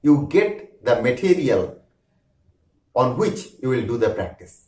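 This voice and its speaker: A man teaching spoken English, drawing out each English phrase in slow, clearly separated words before rattling off a quick restatement. His voice swoops up and down with animated pitch. He sounds set back from the mic in an echoey room. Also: recorded from a distance. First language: Bengali. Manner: slow, deliberate English, then fast Bengali restatements. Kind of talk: bilingual spoken English lesson.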